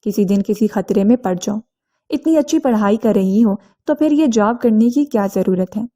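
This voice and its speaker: A woman's voice: mid-range voice, expressive, dark tone, natural voice. A woman reading as a blunt, self-assured young rich man. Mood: calm, assured.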